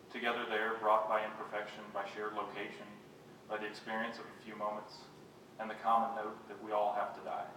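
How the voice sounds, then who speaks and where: A man's voice: fairly low pitch, pushed and bright. Man reading poems in an echoey room. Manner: measured, unhurried reading of poems; wry, self-mocking banter between them. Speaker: poet reading his own work. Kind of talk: live poetry reading with joking asides. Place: reading venue with a live audience. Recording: very echoey room, voice picked up from a distance, faint background noise.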